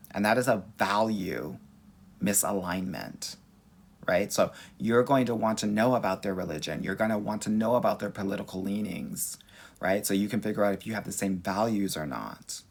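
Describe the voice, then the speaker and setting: A man with a Californian Valley girl accent hosts a casual advice livestream in an expressive, sassy, campy way. His voice sits a little low and has plenty of fry and rasp. He talks straight to his viewers like girlfriends, from a phone held at arm's length at home. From Los Angeles, United States. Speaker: dating coach and livestream host. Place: small indoor room at home.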